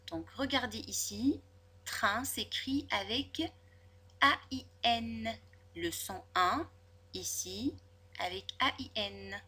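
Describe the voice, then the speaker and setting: A woman teaching a spelling lesson to children, sounding out each word slowly and clearly, syllable by syllable. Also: on the high side, sharp tone. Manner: slow, over-articulated, syllable by syllable.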